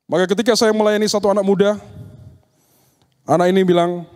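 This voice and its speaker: A man's voice: high-pitched, flat delivery, fairly quick, darkish tone. A man giving a seminar sermon, telling stories and acting out the dialogues in them. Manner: storytelling, acts out dialogues with demons and youths. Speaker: speaker at an occult seminar. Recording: long reverb of a large hall.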